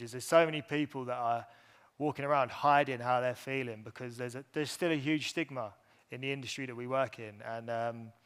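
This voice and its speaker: A man telling his personal story to a conference audience, candid and halting, with many fillers and restarts. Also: medium pitch, fairly bright tone. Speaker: speaker at an industry event.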